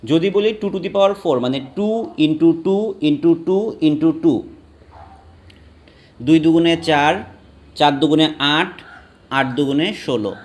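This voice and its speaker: A man teaching a math lesson, slowly spelling out each step and counting aloud for his students. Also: fairly high pitch, darkish tone. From Bangladesh. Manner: slow, deliberate, spells out steps and counts aloud. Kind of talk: classroom math lecture.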